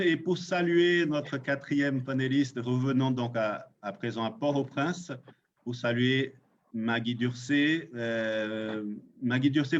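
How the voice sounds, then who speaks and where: A man moderating a webinar in a formal, measured way, introducing panelists. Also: medium pitch. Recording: dull lo-fi webinar audio, faint noise.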